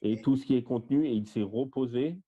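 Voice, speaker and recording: A man's voice: medium pitch, dark tone. A man leading an online Bible study over a shared screen, listing word meanings one by one with plenty of fillers. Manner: lists word meanings in a slow, step-by-step way with fillers. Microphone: voice-call microphone. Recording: dull lo-fi voice-call audio.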